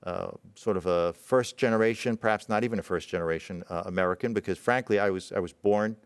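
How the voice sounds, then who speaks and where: A middle-aged man born in Israel tells a personal story in a talk, halting and reflective, with many fillers and restarts. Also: on the low side, clean tone, no echo. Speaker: presenting physician.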